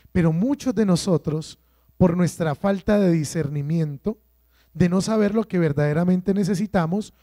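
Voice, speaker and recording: Priest, high voice, dry recording, emphatic sermon full of questions to the flock. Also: male voice, mellow, dry recording. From Colombia. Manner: emphatic preaching with rhetorical questions and slow drawn-out stresses. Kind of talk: sermon at a prayer workshop.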